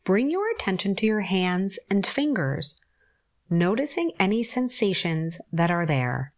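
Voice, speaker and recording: A woman guiding a forest bathing meditation, giving calm, gentle instructions with long pauses. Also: medium pitch. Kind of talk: guided meditation narration.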